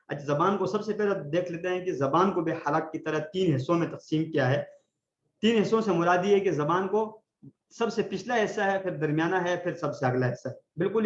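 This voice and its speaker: A man teaching Quran recitation in an online class, patiently explaining and slowly demonstrating letter sounds for his students to repeat. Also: fairly high pitch, reverberant, muffled recording.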